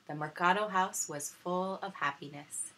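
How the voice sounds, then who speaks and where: A woman teacher reads a children's storybook aloud in an expressive narrating style, her voice fairly low and her pace moderate. The audio quality is poor.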